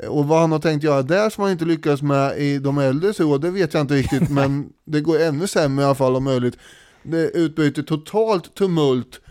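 A man co-hosting a podcast, retelling history in a casual, animated way with many fillers. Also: on the high side, clean tone, dry recording, clean studio sound. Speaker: podcast co-host.

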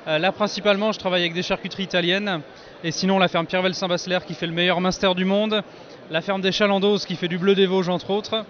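A man with a notably high voice talks earnestly and enthusiastically in a festival interview. He is recorded outdoors, and the sound is muffled and lo-fi. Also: fairly even intonation, fast talker, a bit bright. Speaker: cheese and charcuterie platter maker.

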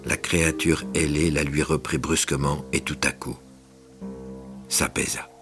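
A man giving theatrical scripted narration of a legend, swelling at tense moments and hushing at calm ones. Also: extremely low pitch, unhurried. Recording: music bed underneath.

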